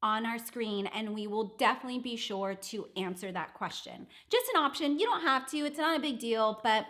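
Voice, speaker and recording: A woman's voice: fairly high pitch, expressive, moderate pace, fairly bright tone. A young woman hosting a live stream from an office, upbeat and laughing often. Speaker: host.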